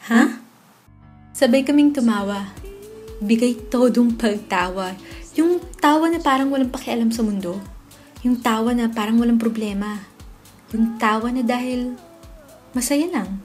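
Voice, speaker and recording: Young woman, first-person storytelling, expressive delivery, somewhat high voice, soft music in the background. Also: moderate pace, pauses often. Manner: expressive, swings into loud excited shouts. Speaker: narrator and dubber. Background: faint background music.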